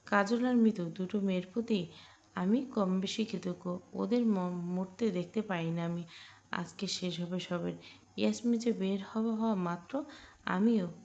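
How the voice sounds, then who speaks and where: A stern, curt young boss who speaks in a dry, authoritative way, as a woman narrator voices him. The voice is gravelly, and the audio story recording sounds dull and lo-fi. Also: medium pitch, fairly even intonation, a little slow, darkish tone, lightly acted. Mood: firm.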